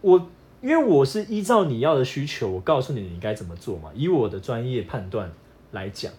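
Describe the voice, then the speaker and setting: Male podcast co-host, fitness-coach type, fast and expressive, casual banter. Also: mid-range voice. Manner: animated, acts out his wife's whining in quotes. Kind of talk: casual couple chat.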